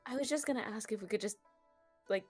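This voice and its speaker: A woman's voice: on the high side, fast talker. Woman player, playful and chatty, faint music under the table talk. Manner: playful, laughing. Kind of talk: casual game chat.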